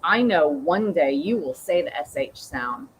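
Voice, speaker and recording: A woman's voice: deep voice, measured pace, a little hiss or hum, rough recording. A woman reading as a supportive dad. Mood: encouraging. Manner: steady and encouraging. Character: supportive father.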